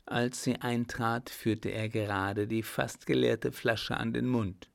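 Brief: male storyteller, mid-pitched, slow measured reading with fry. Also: level tone, no room sound. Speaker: audiobook narrator. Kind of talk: scripted narration.

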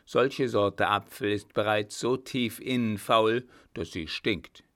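A man reading an audiobook, voicing a blunt, commanding old field marshal who speaks loudly and curtly. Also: lowish voice, slow pace. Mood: scornful. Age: older. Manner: loud, curt, scornful.

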